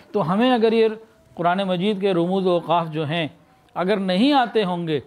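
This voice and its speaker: Preacher with a Pakistani Urdu accent: a man with a slightly high voice, explaining patiently and asking his listeners rhetorical questions. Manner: explains with rhetorical questions, then leads slow recitation. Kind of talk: sermon.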